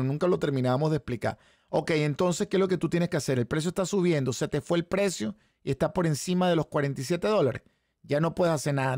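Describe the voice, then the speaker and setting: A man with a Venezuelan Spanish accent, hoarse, teaching a live trading lesson and firing rhetorical questions at his viewers. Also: a little high, no echo, studio quality. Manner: animated, talks straight to the chat audience with frequent rhetorical questions. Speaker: trading instructor.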